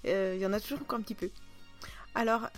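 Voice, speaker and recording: A woman's voice: medium pitch, fast, soft background music. A woman with a southern French accent co-hosting a podcast in casual chat, teasing and laughing easily. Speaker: podcast co-host.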